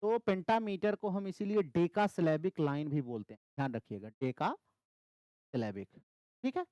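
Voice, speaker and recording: Brief: male literature tutor, exam-prep lecture, animated pitch, dry close sound. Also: normal speed, no room sound, dull audio. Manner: repeats key terms, asks and answers own questions. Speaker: English literature teacher.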